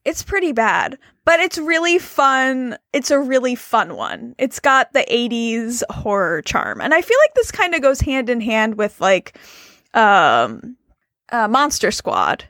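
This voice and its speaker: A woman co-hosting a casual movie chat, animated and rambling, laughing often. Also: a little high, unhurried, dry recording, clean studio sound. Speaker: podcast co-host.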